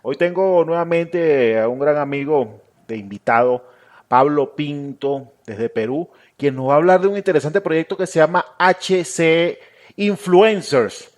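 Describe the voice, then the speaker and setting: A man's voice: fairly high pitch, unhurried. A man hosting a podcast interview, opening formally and encouraging his guest with short agreements. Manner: formal greeting, brief agreeing backchannels. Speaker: podcast host.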